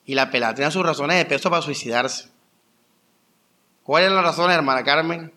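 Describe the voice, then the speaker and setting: A young adult man preaching a conversational sermon, telling stories with lively rhetorical questions. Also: fairly high pitch, fairly quick. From Colombia. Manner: animated storytelling with rhetorical questions. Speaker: pastor.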